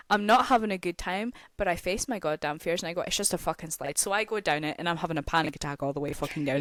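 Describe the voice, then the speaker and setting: A young woman casually telling a story on a podcast, animated and swearing freely, often checking in with "okay?". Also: medium pitch, slight background noise. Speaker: podcast host.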